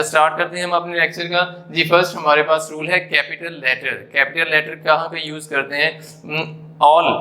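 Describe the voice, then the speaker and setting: Guy teaching a grammar class, really bright voice, pitch a bit high, keeps repeating stuff. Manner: explanatory, mixes English terms into Urdu; repeats points with frequent "जी" and "तो".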